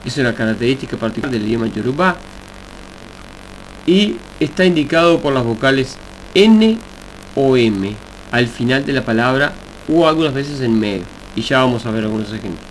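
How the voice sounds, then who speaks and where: A man teaching a recorded Yoruba language lesson, explaining slowly and deliberately with examples. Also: medium pitch, lively intonation, poor audio. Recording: faint hiss and mains hum.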